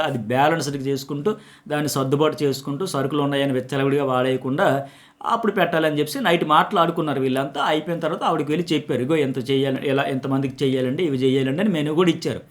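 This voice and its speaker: Guy rattling off reality show commentary, kinda high voice, really quick. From Telugu-speaking India. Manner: rapid, emphatic, acts out quotes from the show. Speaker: journalist commentator.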